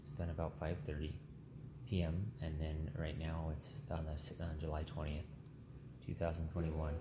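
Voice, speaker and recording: A patient vlogger in his thirties talks to camera from his hospital bed, giving a casual, halting update on his recovery from surgery. His very deep voice is tired, weak and subdued, strained by a sore throat. He holds the phone at arm's length in the small room, and the audio is noisy and roomy.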